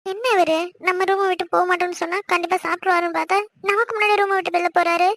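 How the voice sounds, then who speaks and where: A woman voicing a young wife in an animated series, arguing and pleading quickly and insistently. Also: very high voice, creaky, a little hiss or hum, heavily acted. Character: young wife, stubborn and outspoken.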